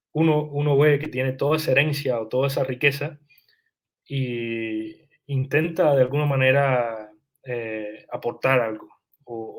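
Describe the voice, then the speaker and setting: A young man, a writer answering interview questions in a thoughtful, hesitant way, with frequent restarts and fillers. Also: medium pitch. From Cuba.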